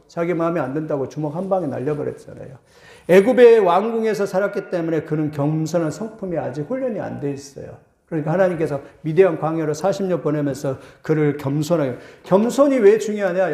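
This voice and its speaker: A middle-aged male pastor preaching a sermon, with sudden rising bursts, slowing down for scripture. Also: on the high side, gravelly, dark tone, roomy sound.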